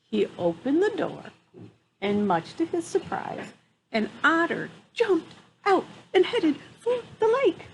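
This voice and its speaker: Reading slowly in a very high voice, a storyteller in her fifties shares a picture book with children on a wooden deck surrounded by trees. She's lively and amused, exclaiming and tossing in chatty remarks; the recording is rough, with faint outdoor noise.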